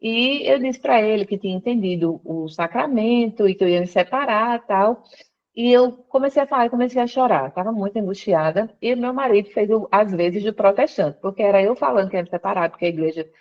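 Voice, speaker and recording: With a medium-pitched voice and a fairly quick delivery, a woman on a call from her workplace relates her conversion story as an interview guest. She acts out what others told her, shifting her voice in a lively way, and the audio sounds dull.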